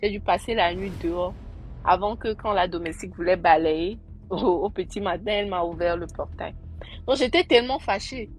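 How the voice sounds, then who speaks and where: A woman casually telling a personal story, lively and animated, acting out the lines she quotes. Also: fairly low pitch, normal speed. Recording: music bed behind the voice. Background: faint tense background music.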